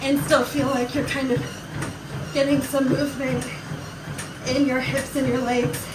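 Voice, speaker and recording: A woman's voice: sits high, flat delivery, measured pace. A woman coaching casually and encouragingly while running on a treadmill, talking to viewers as she goes. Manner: encouraging, reassuring. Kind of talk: casual workout talk to viewers. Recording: roomy, distant mic with loud machine noise.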